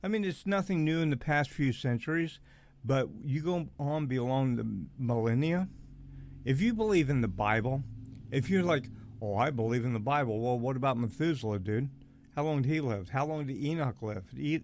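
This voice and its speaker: A man's voice: medium pitch, animated, normal speed, darkish tone, a little hiss or hum. A man hosting a podcast, chatting casually, telling stories and joking with his guest. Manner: casual, joking, storytelling with frequent laughs and "dude". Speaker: podcast host.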